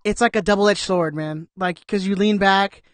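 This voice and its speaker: A man with a notably high voice rambles through casual podcast talk, piling on "like" and "dude" as he goes. The sound is close and dry. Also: steady tone, moderate pace, no echo. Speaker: podcast co-host. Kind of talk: casual chat.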